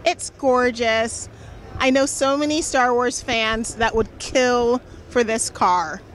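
A bubbly, excitable woman hosting an interview on a busy indoor show floor with a handheld mic. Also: on the high side, slow, a little hiss or hum. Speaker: host and interviewer. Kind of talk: enthusiastic auto show interview.

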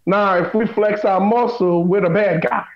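A man with a high voice lays out his points with emphatic, sermon-like weight. He slows down to repeat his key lines. The recording sounds dull and lo-fi. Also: steady tone. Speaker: guest. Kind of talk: preachy conversation.

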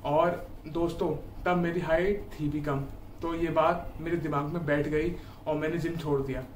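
A man in his twenties from India, a fitness YouTuber, sits on a bed in a small room at home and gives casual, earnest, encouraging advice, addressing viewers directly. His voice is fairly high and level, a little slow. The camera sits a few feet away, so the audio is echoey with slight background noise.

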